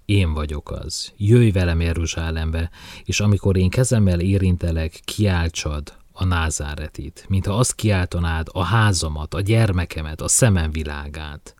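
A man voicing a gentle, merciful male teacher who speaks softly and slowly. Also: sits low, no room sound, lightly acted. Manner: soft, slow, measured speech.

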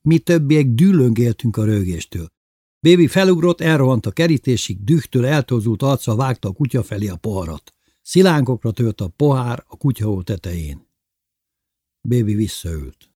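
A man narrating a story in a steady, measured audiobook reading. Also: mid-range voice, breathy edge, no echo, clean studio sound.

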